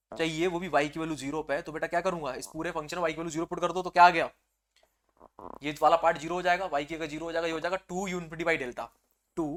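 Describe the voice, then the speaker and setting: In this exam-prep engineering class, a man with a voice on the high side calls his students "beta." He asks his own questions, then answers them, with energetic bursts of loud enthusiasm.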